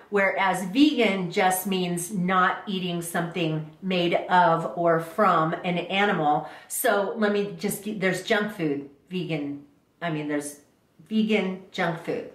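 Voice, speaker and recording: A middle-aged woman vlogging casually to camera, chatty and rambling with frequent restarts. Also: lowish voice. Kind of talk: casual talking-to-camera vlog. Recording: echoey room.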